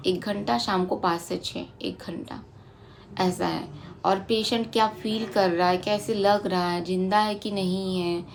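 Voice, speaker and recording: Gravelly woman telling a personal story. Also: medium pitch, a little hiss or hum. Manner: emotional, conversational, recounting in detail. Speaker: vlogger.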